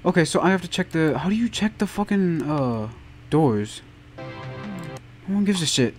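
A man's voice: a little high, expressive, normal speed, soft background music. A young man giving casual let's play commentary as a game streamer, flustered and exasperated, swearing often. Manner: frequent profanity.

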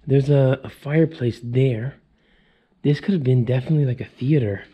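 A man's voice: medium pitch, moderate pace, muffled recording, slight background noise. A man in his thirties filming a casual walkthrough vlog of an abandoned house, musing aloud to his viewers. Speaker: urban explorer vlogger. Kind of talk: handheld exploration vlog. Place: abandoned fire-damaged house, indoors. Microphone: handheld camera.

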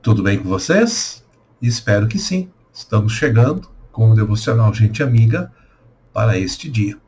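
A Brazilian pastor in his sixties giving a calm, reflective home devotional with a prayer. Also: on the low side, slight background noise. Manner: calm, unhurried, reflective with pauses. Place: small room at home, indoors. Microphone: webcam at desk.

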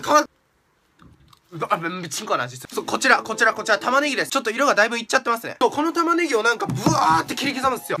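A young man, a YouTuber doing a comedic kitchen vlog with loud, exaggerated bravado, speaking at home on a camera mic. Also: high voice, heavy background noise.

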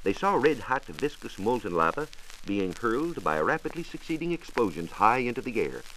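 An American science reporter narrates a scripted 1940s radio programme in a formal, precise and emphatic manner. His mid-range voice is a bit bright and very animated, moving at a moderate pace. The faintly noisy sound comes from a 1940s radio transcription disc.

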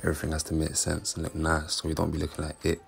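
A young man, giving unimpressed, deadpan casual commentary in slang. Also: very deep voice, quick pace, creaky, breathy edge.

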